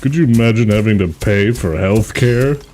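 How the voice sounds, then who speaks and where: A man's voice: fairly low pitch, normal speed, darkish tone, slight background noise. A man chatting casually with a co-host while streaming a game, joking and laughing often. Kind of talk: casual gaming stream chat.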